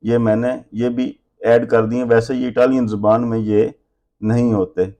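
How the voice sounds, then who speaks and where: Slow-paced male language teacher. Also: medium pitch, level tone, warm tone. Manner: reads letters one by one, then explains plainly. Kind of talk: slow spelled-out language lesson.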